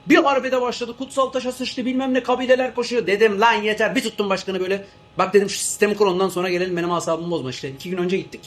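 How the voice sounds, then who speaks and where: A man playing a fed-up fast-talking airline captain. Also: high-pitched, fairly even intonation, lightly acted. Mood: grumbling. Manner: ranting, grumbling, swearing, cabin announcements. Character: exasperated male airline captain, always flown to Africa. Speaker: comedian doing a character. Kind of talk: comic monologue sketch.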